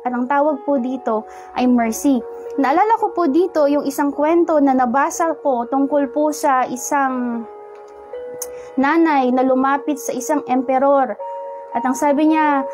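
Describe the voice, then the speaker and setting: Filipino woman preaching over soft music. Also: sits high. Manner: polite, unhurried storytelling with frequent "ano po" fillers. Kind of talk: sermon.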